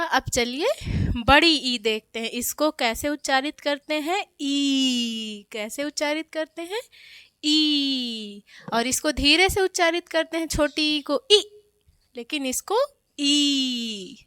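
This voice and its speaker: High, slow, clear woman teaching Hindi. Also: a bit bright, studio quality. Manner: drawn-out spelled sounds, repeats words for children to echo. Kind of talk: slow, clearly enunciated lesson for kids.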